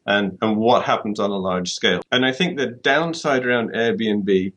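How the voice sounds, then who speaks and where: A man from the UK, an author, speaks at a moderate pace with a lowish, fairly bright voice. During the conversational interview he reflects carefully, restarting and repeating himself while reasoning.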